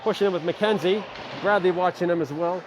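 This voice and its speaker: A middle-aged man with a fairly high voice calls a hockey game live at an ice rink. His amateur play-by-play is quick and easygoing, with friendly asides between plays, and steady rink noise can be heard clearly behind him. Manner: rapid play-by-play with relaxed chatty asides. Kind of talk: amateur live sports commentary.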